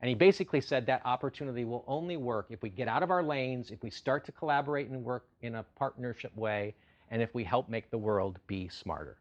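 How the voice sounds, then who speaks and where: A man's voice: medium pitch, a little fast, dull audio. A middle-aged man giving a corporate keynote with polished enthusiasm, repeating phrases for emphasis. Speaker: CEO keynote speaker.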